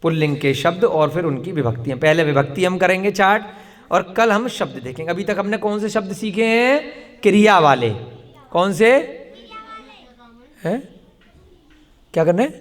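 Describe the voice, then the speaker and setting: High-voiced male teacher in a reverberant classroom. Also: expressive, normal speed, long pauses. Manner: drills students with repeated questions and answers. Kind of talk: classroom lesson with questions to students. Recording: long hall reverb.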